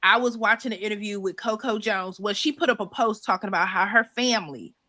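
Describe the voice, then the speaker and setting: A woman co-hosting a podcast, telling a story in a casual chat with emphatic, animated delivery. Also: mid-range voice, fairly quick. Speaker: podcast co-host.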